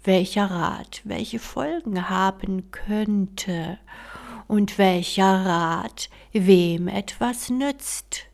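A woman voicing a calm, wise rain fairy who speaks in a measured, soft whisper, as whispered role-play. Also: fairly high pitch, gravelly. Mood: instructive.

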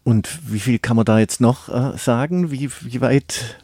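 A male interviewer with a mellow, darker tone asks probing follow-up questions. His voice sits at a middle pitch. The recording is dry and close. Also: a little slow, dry recording.

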